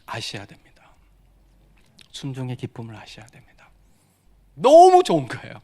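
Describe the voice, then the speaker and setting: A middle-aged man preaching a personal testimony, swinging from quiet murmurs to loud exclamations with frequent laughter. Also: mid-range voice, huge pitch swings, moderate pace. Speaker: missionary preacher. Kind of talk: sermon testimony.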